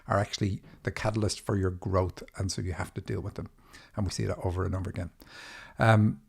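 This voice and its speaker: A middle-aged Irish man hosting a dream interpretation podcast, talking quickly in a casual monologue with many fillers and restarts. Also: on the low side, gravelly, a little mellow, slightly rough. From Ireland.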